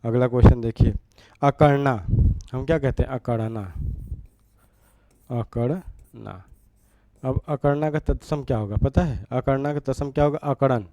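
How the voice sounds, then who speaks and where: A man's voice: mid-range voice, a little fast, warm tone, no room sound. A man teaching an exam-prep grammar lesson, repeating each word and asking rhetorical questions as he writes.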